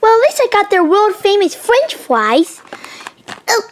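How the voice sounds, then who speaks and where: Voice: extremely high pitch, very animated, measured pace, exaggerated voice. A young performer voicing a whiny, demanding bunny animatronic plush in a homemade puppet video. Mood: sulky.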